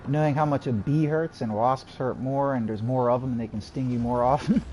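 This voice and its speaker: Streaming a game, this man comments live in a mellow, medium-pitched voice at a fairly quick pace, and the audio quality is poor. His talk wanders between muttering to himself and rambling anecdotes, while game audio and background noise sit clearly behind him.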